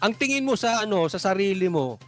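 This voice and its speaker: A man's voice: high voice, very animated, brisk, faint music behind. A man giving political reaction commentary, mocking and sarcastic, firing off rhetorical questions.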